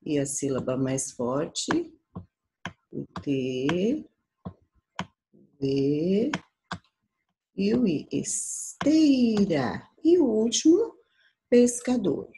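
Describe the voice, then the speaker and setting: A Brazilian woman teaching a primary school class, patiently sounding out syllables slowly for young children. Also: lowish voice, big pitch swings, mellow, slight background noise, low-quality recording. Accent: Brazilian Portuguese. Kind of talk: slow, patient remote class lesson.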